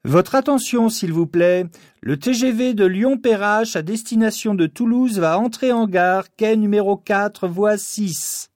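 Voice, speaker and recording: A woman playing a formal train station announcer, reading a measured scripted announcement over the intercom. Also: mid-range voice, a little mellow, no echo, studio quality, natural voice. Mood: formal, neutral.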